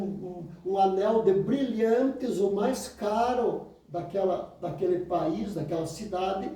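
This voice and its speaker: Teaching oratory in a very echoey room with a distant microphone, a mellow-sounding man in his fifties speaks with a Brazilian Portuguese accent. He delivers an emphatic, motivational lecture, voicing excuses higher and countering them in a low, firm voice.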